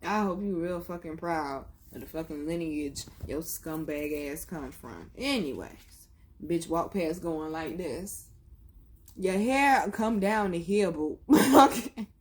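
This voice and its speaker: A woman's voice: sits low, unhurried. A young woman telling a blunt, profane story in a casual vlog. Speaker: vlogger.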